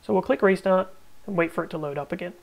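A woman hosting a tech tutorial, narrating a screen recording with calm, step-by-step instructions. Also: on the low side, fast, gravelly, rough recording.

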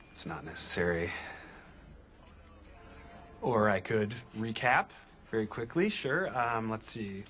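A man's voice: on the low side, lively intonation, slow pace, pauses often, a bit bright, a little hiss or hum. An actor playing a carefree male police detective with a playful, offhand way of talking. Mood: joking. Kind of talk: TV sitcom acting.

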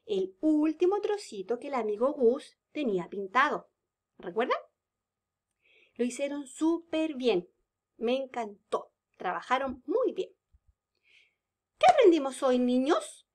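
Slow, high-voiced kindergarten teacher woman. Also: very animated, darkish tone. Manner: slow, sing-song, drawn-out words for small children. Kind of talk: lesson for young children.

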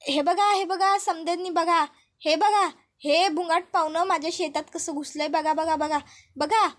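A woman's voice: sits high, brisk, natural voice. A woman doing a feisty rustic village girl. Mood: defiant scolding. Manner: blunt rustic village speech, scolding. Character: feisty young village woman farmer, defiant.

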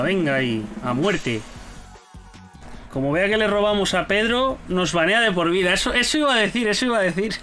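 A man giving casual, animated commentary while he plays a game and teases his friends. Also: high-pitched. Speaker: gaming YouTuber.

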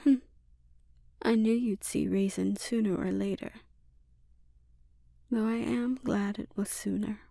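Slow, whispery Scarlet Witch, acted by a woman. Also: mid-range voice, fairly even intonation, warm tone, dry recording, clean studio sound. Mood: smug, indulgent. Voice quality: breathy, often whispering. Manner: slow, deliberate, condescending. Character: dominant, menacing witch, coldly seductive and condescending. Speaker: ASMR roleplay voice actor. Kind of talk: ASMR dramatic roleplay, half-whispered.

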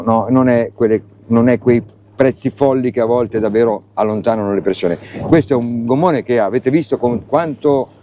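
On an open motorboat out at sea, a middle-aged man with a mid-range, dark-toned voice presents a casual on-board boat review. He's chatty and enthusiastic, speaking straight to the viewers.

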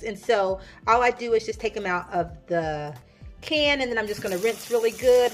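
A woman in her thirties hosts a casual home cooking video from her kitchen, her voice fairly high and fairly bright. She's chatty and upbeat, talking straight to viewers and calling them "you guys" as she demos the cooking.

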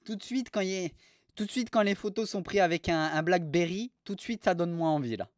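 Young man, streamer, crude and mocking, lively swinging pitch, fairly high voice, dry close mic, keyboard clicks. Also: brisk, no echo. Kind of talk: live stream commentary.

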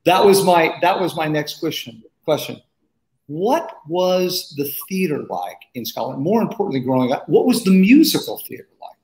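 A man's voice: a little high, expressive, normal speed, a little mellow. An older man hosting a video interview show, upbeat and effusive, often repeating his words as he asks questions. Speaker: show host. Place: small studio set indoors. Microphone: studio microphone close up. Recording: roomy echo.

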